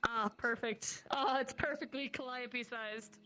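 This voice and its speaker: A woman's voice: a little high, steady tone, unhurried, poor audio. A woman chatting casually in a role-play game, playful and enthusiastic. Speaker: role-player in a virtual world. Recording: loud crowd of overlapping voices.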